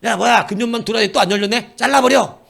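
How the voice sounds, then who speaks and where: A man's voice: mid-range voice, moderate pace, close to an everyday voice. A man voicing an impatient vineyard owner curtly ordering a barren tree cut down. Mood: angry. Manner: gruff, curt orders.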